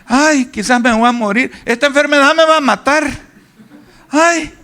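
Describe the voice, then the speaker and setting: A man voicing a fretful hypochondriac who sighs high, drawn-out laments about his coming death. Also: bright, forceful tone, heavily acted. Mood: whining. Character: fretful whining hypochondriac, sure of doom.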